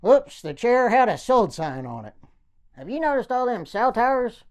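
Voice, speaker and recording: Lively woman telling dad jokes. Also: fairly high pitch, normal speed. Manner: lively storytelling with acted quotes. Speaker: comedian. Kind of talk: telling silly jokes and stories.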